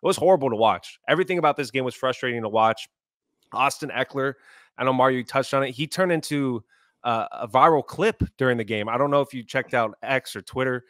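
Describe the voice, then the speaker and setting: A man co-hosting a sports podcast, recounting plays fast and with animated exasperation. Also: mid-range voice, no room sound, studio quality. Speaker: podcast co-host.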